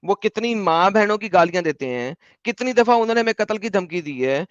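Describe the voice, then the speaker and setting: High-voiced man hosting a heated debate. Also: expressive, no room sound, muffled recording. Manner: argumentative, interrupting, insistent. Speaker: live-stream debate host.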